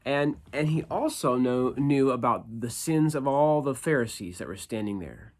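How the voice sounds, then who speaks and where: A man with a medium-pitched voice gives an informal youth devotional in an upbeat youth-pastor manner. He sounds conversational and slangy, repeating phrases for emphasis as he moves between scripture and his own plain explanation. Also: moderate pace. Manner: upbeat youth-pastor delivery, casual and animated.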